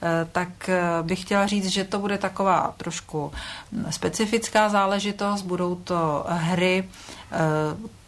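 A woman with a fairly low voice speaking as a radio talk-show guest. She talks in a measured way and stops often to find her words. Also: steady tone. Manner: measured, hesitant. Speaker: theatre guest. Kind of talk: radio studio chat.

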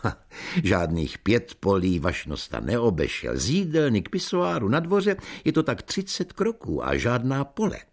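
A man's voice: medium pitch, wildly swooping pitch, voice pushed up. A man reading aloud, voicing a cheeky, red-faced hotel waiter who is deferential but impudent toward a hungover guest. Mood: bantering. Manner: deferential yet impudent, addressing his guest as "vašnosto".

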